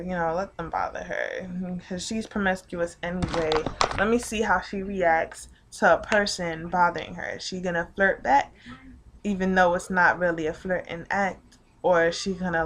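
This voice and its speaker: A woman's voice: lowish voice, normal speed, slight background noise. Young woman ranting about her day. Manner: profane, animated, swings between loud outbursts and quiet muttering. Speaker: vlogger. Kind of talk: casual storytelling rant.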